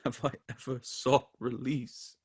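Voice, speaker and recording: An actor playing Ebenezer Scrooge in a radio play, an older miser looking back on his past in a wistful, excitable, pleading way. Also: mid-range voice, a little slow, slightly rough. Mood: sorrowful.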